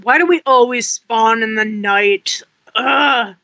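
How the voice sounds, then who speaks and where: A co-player with a bright, sharp-edged voice tosses off blunt, short remarks during casual gameplay chat. The sound is dry, with no room, and dull like a lo-fi voice chat. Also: mid-range voice, lively intonation, measured pace, clear, resonant tone, no echo.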